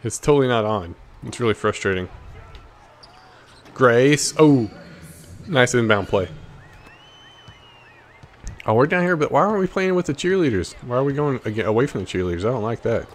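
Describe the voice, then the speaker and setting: An American man hosting a gaming video banters and trash-talks lightheartedly as he plays basketball on screen, game sounds behind him. His mid-range voice is animated and moderately paced, with long pauses between exclamations and muttered remarks.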